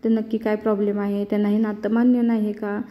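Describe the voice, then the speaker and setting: Woman doing a polite young guy asking stuff, flat voice, reverb. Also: mid-range voice, quick pace, lo-fi sound, close to an everyday voice. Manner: courteous, questioning. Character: polite, inquiring young man. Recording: long reverb.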